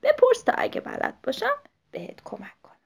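A kind, lonely old woman, voiced by a woman storyteller, soothing and wise, sometimes dropping low and soft. She sounds like a gentle grandmother in a spoken storybook. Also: huge pitch swings, creaky, in a whisper, full character voice.

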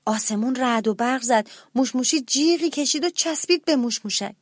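Reading a children's story in a high-pitched voice, a woman speaks gently and expressively, addressing her young listeners directly. The audio sounds dry and studio-clean.

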